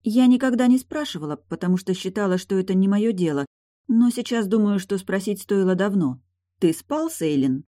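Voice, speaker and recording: A woman reading an audiobook, voicing a brash, sharp-tongued retired guardswoman who is mocking, blunt and pushy. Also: medium pitch, expressive, normal speed, no echo, studio quality, voice pushed up, natural voice.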